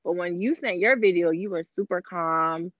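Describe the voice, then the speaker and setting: A woman's voice: fairly low pitch, normal speed, a bit bright, dry recording, highs cut off. A woman in her thirties, a podcast guest, telling her story openly in casual chat. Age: 30s. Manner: candid, open storytelling.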